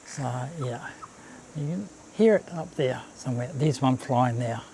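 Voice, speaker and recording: A man gives casual, unhurried commentary on a nature walk, outdoors by a babbling creek. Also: mid-range voice, lively intonation, dark tone, rough recording. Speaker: walking vlog host. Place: outdoors on a bush walkway and swing bridge by a creek. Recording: outdoor ambience, faint insect noise. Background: cicadas, birds, babbling creek.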